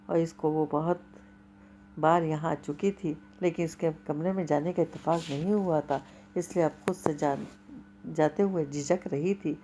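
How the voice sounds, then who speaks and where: A woman reads a novel aloud in a steady, unhurried storytelling manner. Her voice sits fairly low. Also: noisy background. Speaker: narrator. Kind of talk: scripted narration of a novel.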